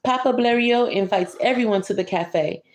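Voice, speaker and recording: In a rough, reverberant recording, a woman with a fairly high voice reads a picture book aloud to a child at a moderate pace. She breaks away from the story for conversational explanations of the pictures and comments to her young listener.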